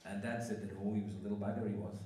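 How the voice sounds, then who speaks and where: A man's voice: on the low side, fairly even intonation, very fast. A man from Liverpool, England, singing live on stage and joking cheekily with the crowd between songs. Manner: cheeky, jokey, playful with the crowd. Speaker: singer and entertainer. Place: large hall at a live event. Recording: echoey hall, far from the mic, loud backing music.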